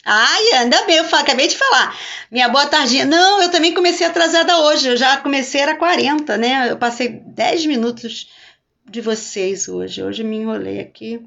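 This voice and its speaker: Mulher pastora, voz aguda, fala de live. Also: female voice, high-pitched, normal speed, vocal fry, sharp tone, lo-fi sound. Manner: talks chattily and greets viewers by name. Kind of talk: live-streamed devotional talk.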